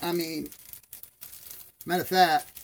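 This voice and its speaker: A man's voice: fairly high pitch, level tone, takes it slowly, vocal fry, a little hiss or hum. A man with toothless, slightly slurred speech, lips over gums, hosting a casual live stream in a rambling, friendly way. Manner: rambling, friendly, addresses viewers as buddy.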